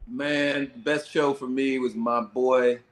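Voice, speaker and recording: A male co-host talks thoughtfully, taking his time over each point. His pitch sits in the middle range. A faint noise hums under his voice. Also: fairly even intonation, takes it slowly. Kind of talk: casual chat.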